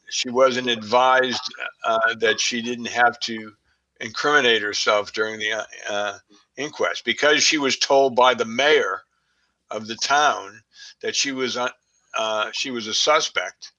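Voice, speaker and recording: A man with a Boston accent answers questions in a relaxed panel chat. His voice is bright and forward. He pauses often, filling gaps with fillers and restarting his sentences. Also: mid-range voice, dull audio. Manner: halting, many fillers and restarts. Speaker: guest expert. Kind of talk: casual discussion.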